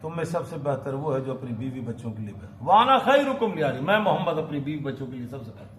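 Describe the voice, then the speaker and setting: A man's voice: mid-range voice, lively intonation, quick pace. A man with a Pakistani Urdu accent giving a Quran lesson in a mosque, reciting Arabic verses and explaining them with questions to the congregation. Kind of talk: mosque sermon, Quran commentary. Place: mosque hall. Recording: echoey mosque hall, faint noise.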